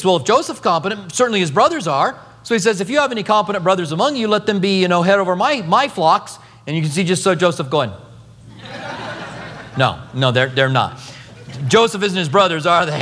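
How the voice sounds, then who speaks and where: A pastor in his fifties preaches in a bright, high register, his voice rising and falling with lively expression. He talks conversationally and acts out the quotes he tells. His words ring on in a long, reverberant sanctuary. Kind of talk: expository sermon.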